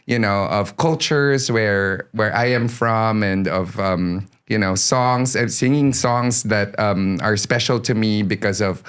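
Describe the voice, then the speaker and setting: A low-voiced man from the Philippines, a guest on a podcast, talks casually and laughs easily. He fills his sentences with ums and restarts as he goes. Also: unhurried, hardly any pauses, fairly bright tone, clean tone. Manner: chatty, laughs often, many fillers and restarts. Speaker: podcast guest, singer-songwriter. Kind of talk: casual interview chat.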